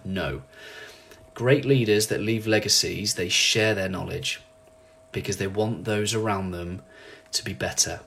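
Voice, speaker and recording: A man speaking as a leadership coach in an animated, ranting motivational monologue, acting out quotes in lively voices. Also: fairly low pitch, measured pace, vocal fry, slight background noise.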